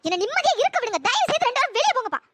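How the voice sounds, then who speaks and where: A voice actor playing a young wife in a cartoon story, heartbroken and bitter, with a high pitch-shifted voice. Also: very animated, racing, a bit bright, full character voice. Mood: irritated. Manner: wailing then scornful.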